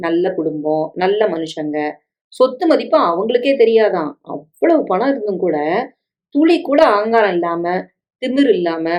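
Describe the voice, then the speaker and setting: A woman's voice: mid-range voice, a little mellow, close to an everyday voice. A woman voicing a scheming middle-aged stepmother who coaxes, pleads and guilt-trips, in a story reading with dialogue. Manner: coaxing, pleading, guilt-tripping.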